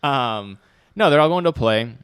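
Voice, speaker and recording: A young man telling lively stories in podcast banter, sometimes mimicking others in a raised voice. His pitch is ordinary for a man. The recording is dry and close. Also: moderate pace, smooth, no echo. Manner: animated anecdotes, mimics customers in higher voices. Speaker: podcast co-host. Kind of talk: casual chat, storytelling.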